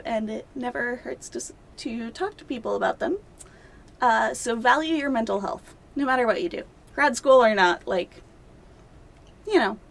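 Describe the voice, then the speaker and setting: A young adult woman who is a doctoral candidate chats casually in an interview from a dark studio. Her high-pitched, creaky voice is full of fillers, and she comes across as talkative and self-deprecating.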